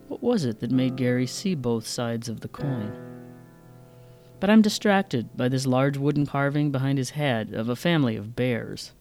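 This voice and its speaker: A woman hosting a podcast, calmly narrating a scripted story. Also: extremely low pitch.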